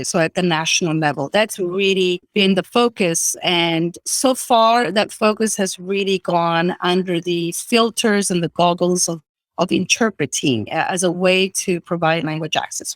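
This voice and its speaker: A middle-aged woman from Italy, with an Italian accent and a lowish voice, explains her organization's work earnestly as a guest in a virtual interview. She often restarts her sentences. The recording is dry.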